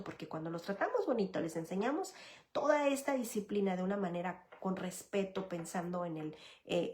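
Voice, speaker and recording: A woman's voice: mid-range voice, darkish tone. A woman talks straight to parents in a live advice session. Her tone is earnest and explanatory as she runs through lists of examples, checking in often with a short question tag. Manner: addresses parents directly, often tags "¿ok?". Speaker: psychologist giving parenting guidance.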